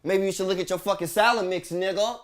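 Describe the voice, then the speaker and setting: A young man hosting his own commentary vlog, talking in casual slang and swearing often, sometimes breaking into loud angry rants. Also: sits high, fast talker. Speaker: vlog host.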